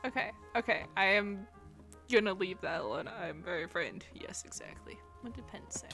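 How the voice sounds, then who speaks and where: A woman's voice: mid-range voice, animated, moderate pace, fairly bright tone, soft background music. A woman streaming a game, chatting casually in a giggly, playful way and laughing often. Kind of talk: casual gaming stream chat.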